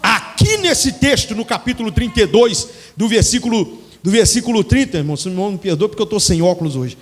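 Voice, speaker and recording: High-voiced Brazilian preacher in a church hall. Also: male voice, brisk. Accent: Brazilian Portuguese. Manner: animated, acts out biblical dialogue. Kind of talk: sermon.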